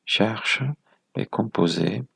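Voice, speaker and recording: Low-pitched male teacher, unhurried and methodical, heavy vocal fry, self-correcting. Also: a bit bright, no echo. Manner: methodical, counting items aloud, corrects himself. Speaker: presenter of a phonetics video lesson. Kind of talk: explaining a lesson step by step.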